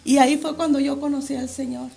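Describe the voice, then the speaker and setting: A woman's voice: sits high, flat delivery, fairly quick, vocal fry, warm tone, soft background music. A middle-aged woman sharing a religious testimony as an interview guest, fervently reenacting her prayers aloud.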